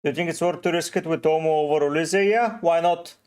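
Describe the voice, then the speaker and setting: A man from Bulgaria with a Bulgarian accent, live streaming and slowly answering viewers' questions one by one. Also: on the high side, darkish tone. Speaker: fantasy football streamer. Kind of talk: live stream chat, reading comments.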